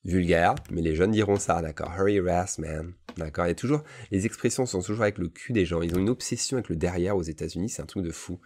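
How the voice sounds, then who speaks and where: Deep-voiced male teacher, bilingual lesson, casual and repetitive delivery, checks in often. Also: darkish tone. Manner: explains in French, models English phrases slowly and repeats them; casual asides with frequent "d'accord?" checks. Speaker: English teacher.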